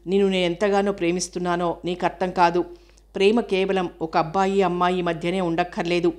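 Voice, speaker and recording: A woman's voice: lowish voice, level tone, fairly quick, a little mellow, close to an everyday voice. A woman reading the part of a grieving, clingy young woman who speaks plaintively and with reproach. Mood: reproachful.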